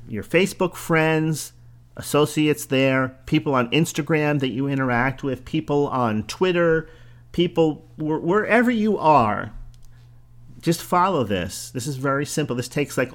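A middle-aged man with a New Jersey accent talks through his solo podcast, casual and conversational. He wanders into asides and corrects himself mid-thought. His voice sits in an ordinary middle register. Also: mid-range voice. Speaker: podcast host.

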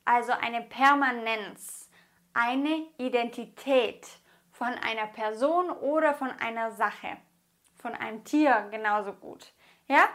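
High-voiced woman teaching at a slow pace. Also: a bit bright. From Germany. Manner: slow, carefully enunciated explaining. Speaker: Spanish teacher. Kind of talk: grammar lesson.

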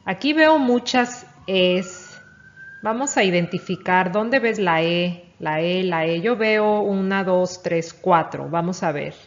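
A woman's voice: fairly low pitch, slow pace. A woman teaching young children their letters, speaking patiently and praising each answer. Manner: patient, encouraging, asks and praises. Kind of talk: children's reading lesson. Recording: dull lo-fi recording.

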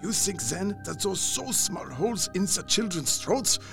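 A man playing a grave, earnest older professor and vampire hunter in an audio drama, with creaky voice, quaint foreign phrasing and dramatic delivery. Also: sits high, lively intonation, unhurried, a bit bright, faint music behind, heavily acted. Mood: lecturing.

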